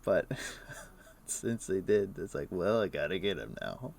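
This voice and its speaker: A man streaming a game chats casually while playing, explaining things in a loose, rambling way full of fillers. His voice sits low, gravelly and darkish, with a sing-song lilt and measured pace, over slight background noise.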